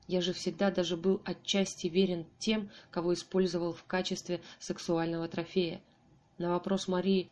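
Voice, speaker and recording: Female audiobook narrator, lowish voice, steady first-person reading. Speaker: audiobook reader.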